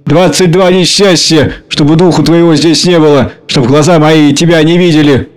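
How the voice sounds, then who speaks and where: A man reading aloud, voicing a stern young housekeeper who scolds and shouts. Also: fairly high pitch, fairly even intonation, moderate pace, close to an everyday voice. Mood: furious.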